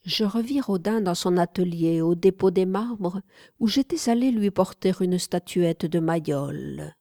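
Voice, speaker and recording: Audiobook reader, woman, unhurried and measured, warm low voice, dry close recording. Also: no room sound. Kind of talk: scripted narration.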